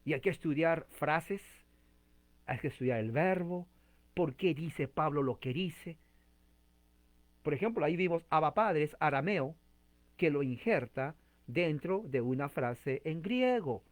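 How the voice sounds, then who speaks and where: A man's voice: fairly high pitch, animated, measured pace. Chatty man teaching Bible study. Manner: chatty, asks listeners direct questions, frequent restarts.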